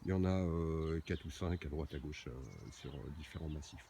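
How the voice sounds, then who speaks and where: A man's voice: a bass voice, steady tone, normal speed, mellow, slight background noise. A man giving a casual, hesitant walking tour of his own garden outdoors, with many fillers and restarts.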